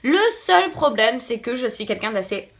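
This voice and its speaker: This beauty vlogger speaks in an animated, fairly high voice at a moderate pace. Chatting casually with viewers about beauty products, she sounds a bit under the weather, and a lisp slurs her s sounds. She stresses points emphatically by repeating words.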